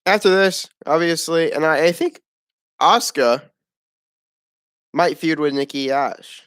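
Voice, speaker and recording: A man's voice: fairly high pitch, measured pace, fairly bright tone, clear, resonant tone, no room sound, clean studio sound. A man giving a casual, opinionated wrestling review, rambling, swearing and laughing at the show.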